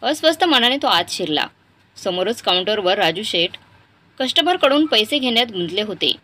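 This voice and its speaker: A woman narrating a moral story in a steady, expressive way. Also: mid-range voice, normal speed.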